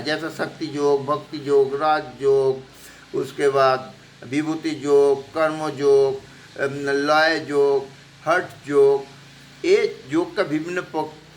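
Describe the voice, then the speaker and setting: A man gives an unscripted lecture on yoga, speaking slowly in a somewhat high voice. He often halts with fillers and restarts, then lists terms one at a time. A faint hiss of noise sits under the recording. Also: fairly bright tone. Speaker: yoga teacher.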